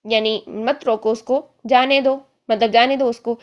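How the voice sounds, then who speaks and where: A woman teaching an online religious lesson, explaining step by step and repeating examples slowly. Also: a little high, steady tone, lo-fi sound. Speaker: Quran recitation teacher.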